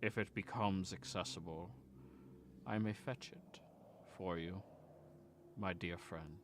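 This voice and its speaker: A man voicing a creepy, lanky, quietly friendly last survivor of a dead race in a tabletop game, soft-spoken and deliberate, with phlegm in his throat. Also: deep voice, slight background noise. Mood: eerily friendly.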